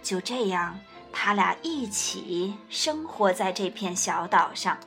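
A woman reading a picture book aloud as a storyteller, gentle and expressive. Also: medium pitch, slow pace, vocal fry, faint music behind.

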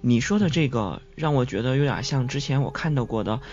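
A man hosts a podcast in a relaxed, conversational way, with quick reactions and follow-up questions. His voice sits at a middle pitch. The sound is muffled and lo-fi, with quiet music in the background. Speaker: podcast host. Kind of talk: casual chat, prompting questions. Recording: dull lo-fi sound with faint music behind.

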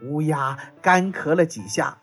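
A woman teacher narrating a children's story in an expressive, lilting storytelling voice. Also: sits low, unhurried, slightly rough, soft background music.

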